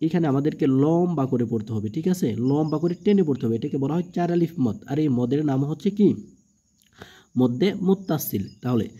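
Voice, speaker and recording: A man's voice: animated, brisk, mellow, husky. A man teaching Quran reading. He spells out letters and vowel marks one by one, drags out the long vowels and often checks in with his listeners. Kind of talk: slow spelling-out lesson. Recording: muffled low-fidelity audio.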